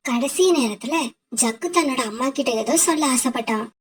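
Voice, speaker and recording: High-voiced woman narrating a kids' story. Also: moderate pace, breathy edge.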